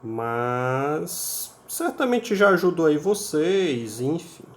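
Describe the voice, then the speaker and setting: A man's voice: on the high side, big pitch swings, takes it slowly. A man with a Brazilian Portuguese accent teaching an English class, explaining patiently and repeating words over and over to drill pronunciation, often ending phrases with a checking tag. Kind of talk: recorded online English class.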